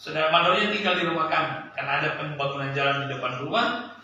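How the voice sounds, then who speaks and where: A man preaching a sermon and telling a personal story, with an animated voice that climbs and sinks sharply. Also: a little high, fast, highs cut off, a little hiss or hum. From Sulawesi, Indonesia. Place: church service hall. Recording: echoey church hall, from a distance.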